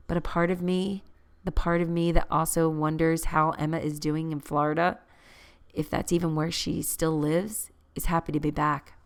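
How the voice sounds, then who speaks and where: A woman reading a first-person novel aloud as an audiobook narrator, in a measured, gently expressive way. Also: deep voice, smooth.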